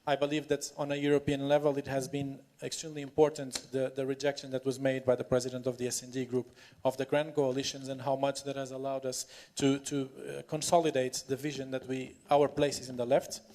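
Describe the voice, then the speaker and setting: A man speaks at a medium pitch as a political panellist. His delivery is semi-improvised, with repeated words and halting phrases that land on emphatic points. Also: flat delivery, darkish tone. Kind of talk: semi-improvised conference speech.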